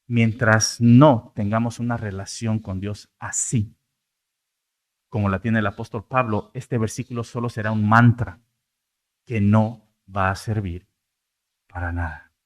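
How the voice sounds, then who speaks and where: A man with a Mexican Spanish accent preaching a sermon as pastor, swinging from loud, rising outbursts to soft, low endings. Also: fairly even intonation, unhurried.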